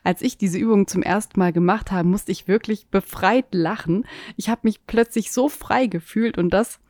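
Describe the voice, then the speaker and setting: A woman hosting a podcast in a calming, sleep-story style of guided relaxation, addressing the listener intimately in short, measured instructions. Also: mid-range voice, dry recording, studio quality. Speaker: podcast host.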